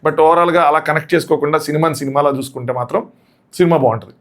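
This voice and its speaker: A man with a voice hoarse from shouting gives a casual, excited, rambling movie review and repeats his points. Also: a little high, rapid-fire.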